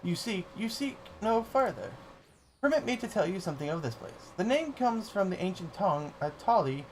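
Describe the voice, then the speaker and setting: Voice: mid-range voice, sing-song, moderate pace, a little hiss or hum, pitched above the performer's own voice, lightly acted, rough recording. A streamer voicing a solemn male gatekeeper from a fantasy game, reading lines grandly but stumbling over some words. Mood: solemn, ominous. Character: solemn male gatekeeper guarding a beast-filled ruin. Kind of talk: reading game dialogue aloud.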